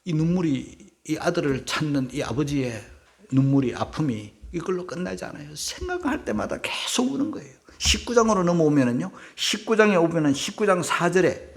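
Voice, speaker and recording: A male pastor delivers an emotional sermon in a high, gravelly voice. His pitch leaps and falls dramatically, swinging from cries to hushed whispers as he seeks the congregation's assent. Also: sing-song, a little fast.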